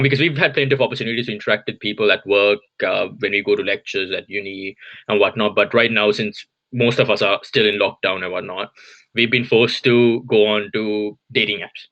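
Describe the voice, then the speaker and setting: A man's voice: fairly low pitch, sharp tone, lo-fi sound. A man in his twenties, a podcast co-host, giving opinionated takes and teasing his friends, with frequent "um"s. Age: 20s. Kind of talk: casual chat. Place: home in Tokyo.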